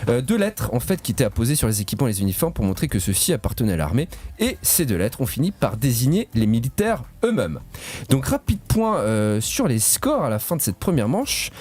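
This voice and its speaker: A man with a slightly husky voice, hosting a radio quiz in a studio in a joking, playful way. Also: medium pitch, fairly quick. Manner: lively, joking, stretches key words. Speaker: quiz host.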